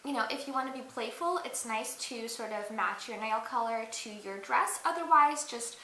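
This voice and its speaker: A woman's voice: on the high side, normal speed, pushed and bright. A young woman vlogging a joking makeup tutorial in a chatty, giggly way, full of fillers. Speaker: beauty and dance vlogger. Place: indoors at a mirror. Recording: echoey room with faint hiss.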